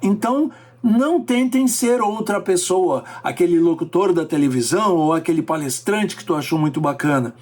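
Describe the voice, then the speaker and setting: Um homem com sotaque brasileiro, professor de técnicas de fala, dando uma aula e variando o ritmo e a altura da voz para dar ênfase. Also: male voice, moderate pace. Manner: lively, varies pace and pitch for emphasis. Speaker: speaking coach. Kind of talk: teaching lesson.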